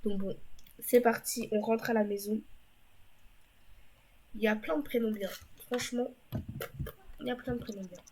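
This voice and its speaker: A woman's voice: a little high, steady tone, normal speed, pauses often, dark tone, slightly rough. Chatty woman narrating her gameplay. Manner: chatty, rambling, wry asides. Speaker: gaming YouTuber. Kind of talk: casual let's-play commentary.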